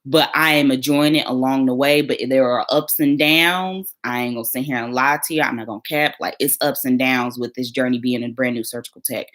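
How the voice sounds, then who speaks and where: Chatty low-voiced young woman. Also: a bit bright. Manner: chatty, laughs often, talks straight to viewers. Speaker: new surgical tech vlogger. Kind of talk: casual livestream chat.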